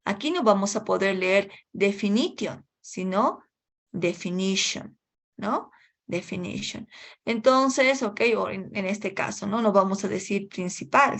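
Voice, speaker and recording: A woman English teacher giving a class, checking in often with her students and switching between English words and explanation. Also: mid-range voice. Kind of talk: online class lecture.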